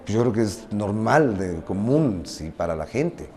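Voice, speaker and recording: A man's voice: on the low side, sing-song, unhurried, background noise. A man in a documentary interview, making his case in an insistent, conversational way. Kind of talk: defending himself in an interview.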